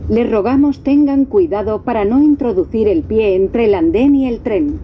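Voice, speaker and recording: A woman giving a formal, evenly measured pre-recorded arrival announcement, heard over a train's PA loudspeaker. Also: fairly high pitch. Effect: played over a train's PA loudspeaker. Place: inside a moving passenger train. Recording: muffled loudspeaker with train noise.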